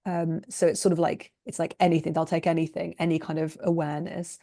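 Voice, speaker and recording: A woman's voice: low voice, flat delivery, a little fast, warm tone. A woman giving casual interview answers as a guest, informally acting out little quotes as she explains. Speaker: guest, copywriting agency owner.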